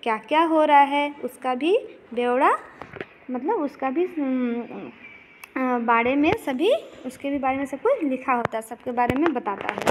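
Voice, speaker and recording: A woman teacher explaining a children's poem line by line. She talks patiently, reads the verse slowly, and keeps checking with "है ना". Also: high-pitched, expressive, noisy background. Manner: slow, patient explaining with many fillers and "है ना" checks; reads the verse lines slowly and recites them. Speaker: Hindi teacher.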